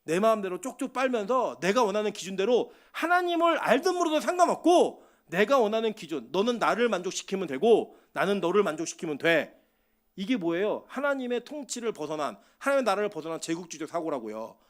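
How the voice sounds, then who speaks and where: A middle-aged male pastor preaching a sermon from the pulpit of a church, switching between loud exhortation and quiet asides. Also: high-pitched, very animated, a little fast.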